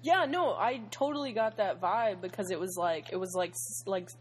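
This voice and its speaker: A co-host in a casual chat about television, talking in an excitable, joking, chatty way. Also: mid-range voice, low-quality recording. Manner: chatty, excitable, quick to joke.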